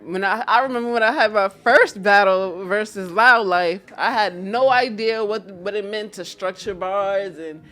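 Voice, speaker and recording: A young New York woman, a guest battle rapper, chats casually in an interview about how she got started, laid-back and slangy, repeatedly asking "you feel what I'm saying." Her mid-range, fairly bright voice moves at normal speed with hardly any pauses.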